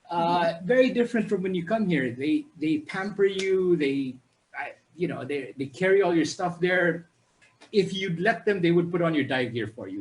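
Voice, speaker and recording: Higher-voiced man telling lively dive stories. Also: rough recording. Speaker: dive panel guest. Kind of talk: casual anecdotal chat.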